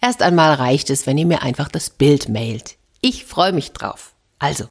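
A woman's voice: low-pitched, expressive, normal speed. A woman hosting a children's story podcast, telling a fairy tale and speaking directly to young listeners. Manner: warm-hearted, addressing children directly.

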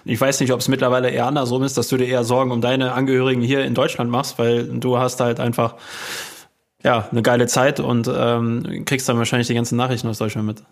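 Casting note: male co-host, laid-back and slangy, level monotone. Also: mid-range voice, fast, vocal fry. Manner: relaxed, slangy, hesitant. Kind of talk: casual conversation.

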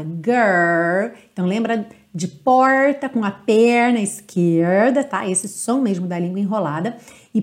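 A Brazilian woman teaching English online, explaining patiently and drawing out example words slowly. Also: medium pitch. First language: Portuguese. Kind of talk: online English lesson on song lyrics.

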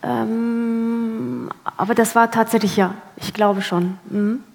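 A woman's voice: fairly high pitch, fairly even intonation, slow, vocal fry, darkish tone. A woman actress giving an interview, chatting casually with laughter and self-mocking humor. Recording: long hall reverb.

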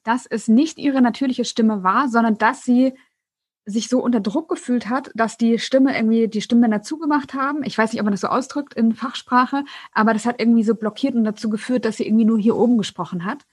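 Husky woman interviewer, dry sound. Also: a little high, brisk, darkish tone, dry recording. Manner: conversational, asks follow-up questions. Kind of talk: podcast interview.

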